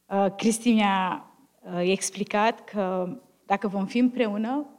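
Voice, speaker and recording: A woman shares a personal testimony at an average pitch. She speaks in short phrases and leaves gaps for an interpreter. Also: steady tone, a little slow, a little mellow.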